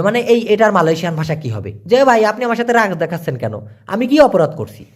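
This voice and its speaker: A man from Bangladesh teaching vocabulary in a casual lesson, chatty and folksy, with everyday examples, rhetorical questions and phrases repeated slowly. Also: high voice. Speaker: language teacher. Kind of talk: casual lesson explaining words.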